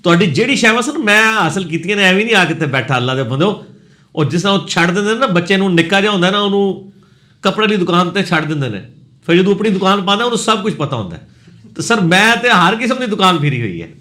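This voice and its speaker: High-voiced Punjabi-accented man lecturing. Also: sing-song, bright, forceful tone. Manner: explanatory, correcting, slips into Punjabi asides. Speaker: religious scholar answering questions. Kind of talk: Q&A lecture on pronunciation.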